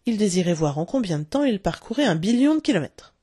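A woman's voice: mid-range voice, very animated, quick pace, dark tone, breathy edge, no room sound, clean studio sound. A woman reading a children's story aloud, telling it expressively and acting out the characters. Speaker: narrator.

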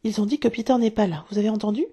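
A woman voicing an eager pirate boatswain who whispers admiringly to his captain, in a husky voice. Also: mid-range voice, racing, warm tone.

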